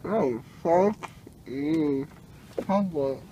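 A man's voice: a little high, drawn-out words, dark tone. Groggy teenage boy, muffled after wisdom teeth. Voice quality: muffled, slurred speech through mouth gauze after wisdom teeth removal. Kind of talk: casual chat. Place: inside a moving car. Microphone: handheld phone nearby. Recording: noisy moving car, phone recording.

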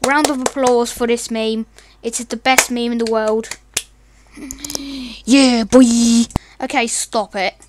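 A young woman giggling and rambling excitably through a casual meme reaction commentary. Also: on the high side, moderate pace, background noise. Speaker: meme reaction video host.

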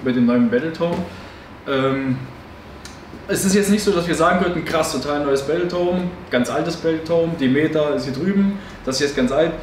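Pitched fairly high and spoken at a normal speed, this man rambles through a casual intro to a battle report, piling on fillers and correcting himself. He co-hosts a tabletop game channel and is recording indoors at a hobby game shop, where the distant mic picks up room echo and a faint hiss.

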